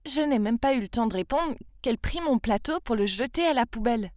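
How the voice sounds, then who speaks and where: Woman narrating in a fairly high voice. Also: fairly quick, no room sound, studio quality. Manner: expressive, confiding, speaks to the listener. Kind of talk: scripted first-person storytelling.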